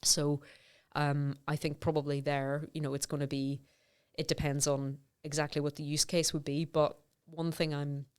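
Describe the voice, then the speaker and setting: This middle-aged voice researcher and native English speaker appears as a podcast guest, speaking in a notably low, smooth, resonant register with little pitch movement. She goes at a moderate pace with few pauses. The exchange feels like an informal interview, and she works through her ideas thoughtfully, circling back with many fillers and self-corrections.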